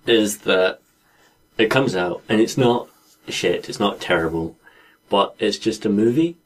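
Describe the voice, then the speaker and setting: On a podcast he co-hosts, a man from Scotland tells stories and reflects in casual conversation, laughing lightly. His lowish voice is expressive and measured, captured in a low-quality recording.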